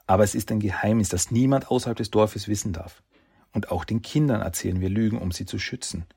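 A calm young ninja and protective big brother, voiced by a male storyteller. His voice is deep and husky with a gravelly creak. He speaks gently and evenly, like a figure in a storybook. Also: fast talker. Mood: confiding.

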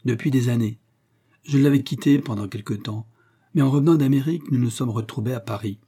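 A man's voice: mid-range voice, a little fast, mellow, breathy edge, close to an everyday voice. A man reading the part of a cheerful young male servant, eager and exclamatory.

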